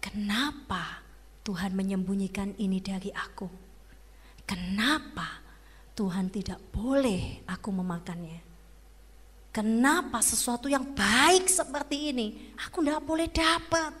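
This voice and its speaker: A woman's voice: mid-range voice, a little slow, husky, big-room sound, voice pushed down. A woman doing a whispering doubtful woman. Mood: suspicious. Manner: hushed, suspicious. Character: doubting young woman thinking to herself. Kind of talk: whispered role-play.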